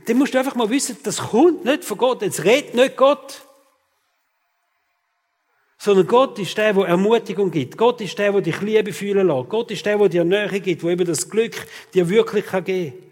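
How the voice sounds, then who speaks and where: A man's voice: high voice, long reverb tail. A man, preaching a sermon as pastor and talking straight to his listeners, often tagging his sentences with "oder?". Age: 40s.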